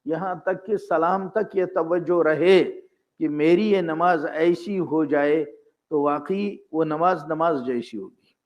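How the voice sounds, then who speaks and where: An older man giving an earnest sermon in a mosque, explaining his points patiently and reciting Arabic phrases between them. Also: fairly high pitch. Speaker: Islamic scholar and preacher. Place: mosque gathering. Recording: dull, muffled lo-fi recording.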